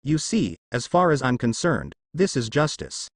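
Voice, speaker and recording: Man reading as a mocking demon villain, taunting, lively delivery. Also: mid-range voice, normal speed, no room sound, studio quality. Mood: gloating. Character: gloating, menacing male demon.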